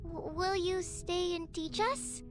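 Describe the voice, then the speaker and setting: A woman voicing an earnest, trusting little child in game dialogue, speaking slowly and carefully. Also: extremely high pitch, fairly even intonation. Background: game music.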